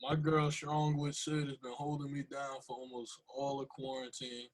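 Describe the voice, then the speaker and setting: A man's voice: mid-range voice, level tone, moderate pace. A young man hosting a podcast in casual, slangy conversation, repeating phrases for emphasis. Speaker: podcast host.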